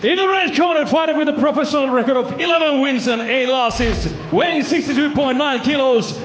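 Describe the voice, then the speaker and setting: A man working as a ring announcer, formally introducing fighters and drawing out their names in boxing-announcer style. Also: very high-pitched. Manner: formal, drawn-out shouted names. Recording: noisy arena with crowd.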